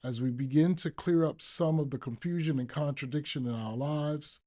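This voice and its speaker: A recovering addict who reads for a podcast delivers a short devotional text slowly. His medium-pitched voice is mellow and relaxed, with deliberate phrasing and pauses, like a scripted daily reading.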